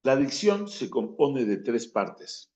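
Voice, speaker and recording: A man's voice: mid-range voice, very animated, slow pace, a little mellow. A man teaching a lesson on breathing and diction, stressing words and acting out phrasing as examples. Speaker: speaking coach. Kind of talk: instructional talk on voice and diction. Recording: dull lo-fi recording.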